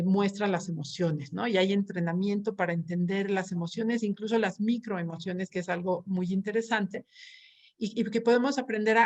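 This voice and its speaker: A woman with a Mexican accent addresses a conference audience as a therapist, telling stories from her practice. She talks in a middle pitch, often restarts her phrases and checks in with little tag questions. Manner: warm storytelling with frequent restarts and tag questions. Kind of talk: conference talk with anecdotes.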